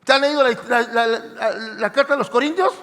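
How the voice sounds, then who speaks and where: A man's voice: extremely high pitch, normal speed. A man preaching a sermon as pastor, emphatic and full of direct appeals to his listeners. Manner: emphatic, repeats "hermano", rising to shouts. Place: church sanctuary. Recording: echoey church hall reverb.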